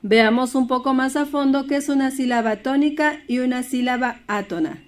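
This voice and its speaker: A woman's voice: high voice, normal speed. A woman teaching a primary school Spanish lesson, explaining steadily and reading poems and word examples aloud.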